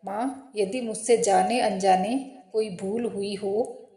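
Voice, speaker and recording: A woman voicing a kind, devout old mother-in-law in a spoken storybook tale, gently pleading. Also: medium pitch, steady tone, slow pace, close to an everyday voice. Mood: grieving. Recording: roomy echo.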